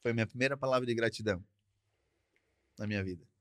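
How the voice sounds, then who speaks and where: A man's voice: mid-range voice, quick pace, fairly bright tone, dry recording. Male trucker guest, mid-range voice, plain conversational storyteller, dry studio sound. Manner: repetitive, conversational, frequent tag questions. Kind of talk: casual storytelling. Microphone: podcast studio mic.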